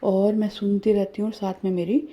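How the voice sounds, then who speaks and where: Chatty woman doing a home vlog, mellow voice, narrates chores as she goes, echoey kitchen. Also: mid-range voice, little pitch movement, moderate pace. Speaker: home vlogger. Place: home kitchen and living room. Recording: echoey room with faint background hum.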